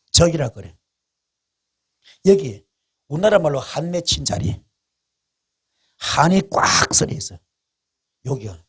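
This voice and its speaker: A man preaching a revival sermon with a gravelly, husky voice that rises and falls sharply. He talks in a plain, everyday way and tells stories, repeating his phrases for emphasis. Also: a little high. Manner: colloquial, animated storytelling with repetition. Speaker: pastor.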